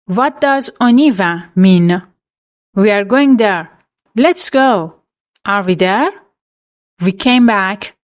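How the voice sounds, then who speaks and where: A French teacher reads quiz questions and answer options very slowly and unhurriedly, her pitch ordinary and mid-range. She gives each choice and explanation steadily, in a scripted manner, like a teacher quizzing learners.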